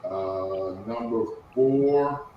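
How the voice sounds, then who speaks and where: Male podcast co-host reading lists aloud, mid-pitched, roomy echo. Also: very slow, muffled recording, slight background noise. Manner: reads out lists, mumbles asides. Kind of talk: casual sports chat.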